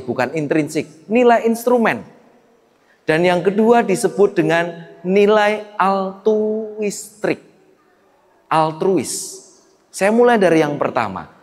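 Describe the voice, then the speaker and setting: A priest giving a sermon, telling stories with acted dialogue and swinging between loud and soft. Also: male voice, high voice. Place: church. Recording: echoey church hall.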